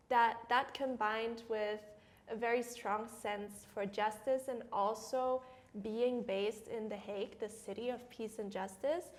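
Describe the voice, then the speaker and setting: A young woman co-hosting a podcast, speaking reflectively and articulately in casual chat. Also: mid-range voice. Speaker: podcast co-host.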